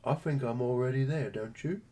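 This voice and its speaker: A man's voice: mid-range voice, brisk, warm tone. A man hosting a live stream, chatting casually and joking while opening trading card packs. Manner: joking, rambling, playful.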